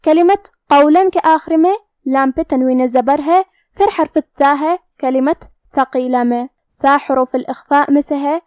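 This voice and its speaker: High-voiced woman teaching Quran recitation. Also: darkish tone, no room sound, clean studio sound. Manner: explains each letter rule step by step, then recites verses slowly and drawn out. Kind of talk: tajweed lesson, slow explanatory teaching.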